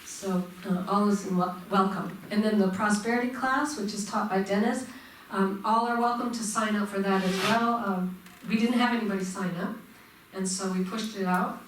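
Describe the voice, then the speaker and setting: A woman leading a church service, reading announcements in a friendly, halting way with fillers. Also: mid-range voice, fairly even intonation, a little hiss or hum. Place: church sanctuary. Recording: echoey hall mic from far off.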